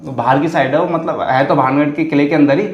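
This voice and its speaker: A man being interviewed on a podcast, telling his story in an earnest, halting way. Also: a little high, fairly even intonation, echoey room, lo-fi sound, a little hiss or hum. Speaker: podcast guest.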